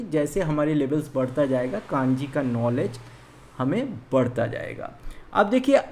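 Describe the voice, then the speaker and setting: A Japanese language teacher from India giving an online beginner lesson, explaining patiently and counting out writing strokes aloud. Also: medium pitch.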